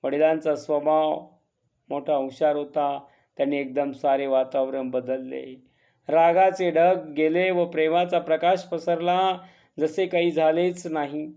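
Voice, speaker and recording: A man reading a classic story aloud in a measured, earnest way. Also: fairly high pitch, mellow.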